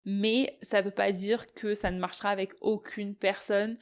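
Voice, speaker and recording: In an unhurried, level tone, this woman hosts a podcast and speaks casually with a medium-pitched voice. Originally from southeast France, she keeps things warm and chatty, pausing and hesitating frequently.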